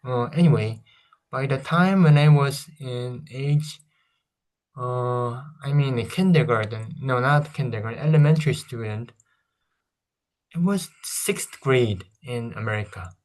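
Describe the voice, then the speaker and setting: In a rough recording, a man in his thirties from South Korea reviews a console, speaking English as a second language with a Korean accent. His mid-range voice is unhurried and a little mellow. This vlogger rambles casually, frequently hesitating and correcting himself.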